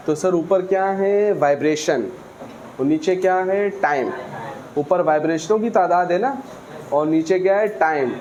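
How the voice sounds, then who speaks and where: A man's voice: high-pitched, a little mellow, slight background noise. A man teaching a physics lesson, who keeps asking his students questions and answering them himself. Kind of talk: classroom lecture.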